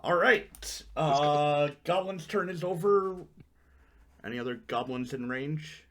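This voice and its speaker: A man's voice: on the high side, takes it slowly. A man running a tabletop game as game master, counting out distances and giving rulings aloud.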